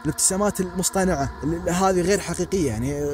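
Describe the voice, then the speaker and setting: A man telling a comic story, animated and jumping into mock voices for the people in it. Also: sits high, over music. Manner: rapid, animated, slips into mock voices for characters.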